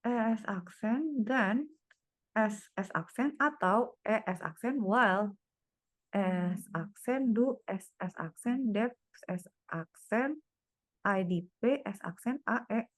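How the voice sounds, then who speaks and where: A woman private tutor talks one student through a problem, thinking aloud and murmuring each step to herself. She speaks at a slow, unhurried pace in a mid-range voice. The recording is dry, with no room sound. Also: mid-range voice, no room sound.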